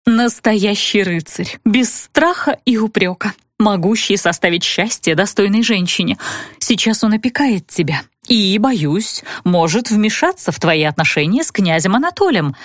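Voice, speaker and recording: A woman's voice: mid-range voice, expressive, moderate pace, dry recording, clean studio sound, natural voice. A woman reading as a tearful proud young noblewoman. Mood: earnest. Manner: agitated, tearful pleading.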